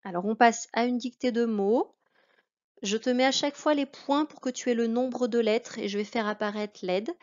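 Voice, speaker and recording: A woman with a French accent teaching a reading lesson to a child, speaking slowly and carefully. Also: on the high side, darkish tone. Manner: slow, careful, addressing a child. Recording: dull lo-fi recording.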